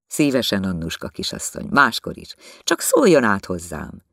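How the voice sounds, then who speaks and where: A man's voice: fairly low pitch, huge pitch swings, gravelly, a bit bright, no room sound, studio quality, exaggerated voice. A man voicing a burly, kind chimney sweep in his thirties, speaking in plain, blunt, homely phrases. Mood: gruff-kind. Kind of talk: audiobook dialogue.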